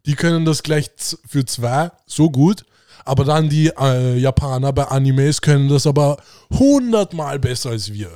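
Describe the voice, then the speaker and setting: A young man, a guest in casual podcast chat who asks questions in quiet, slangy speech. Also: mid-range voice, animated, moderate pace, no echo, clean studio sound.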